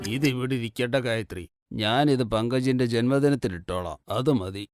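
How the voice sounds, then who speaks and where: A man voicing a stubborn, old-fashioned father in a cartoon story, speaking calmly and firmly. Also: mid-range voice, moderate pace, soft background music, natural voice.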